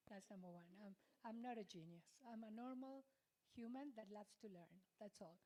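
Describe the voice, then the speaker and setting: A woman's voice: a little high, dark tone, poor audio. A woman on a panel explaining blockchain in a reassuring, plainspoken way. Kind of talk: panel discussion.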